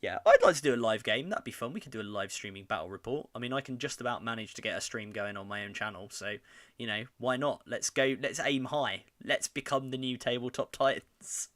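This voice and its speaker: A man's voice: mid-range voice, fairly quick, a bit bright, no echo. A man co-hosting a casual hobby chat livestream, rambling and reading out viewer comments. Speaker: co-host.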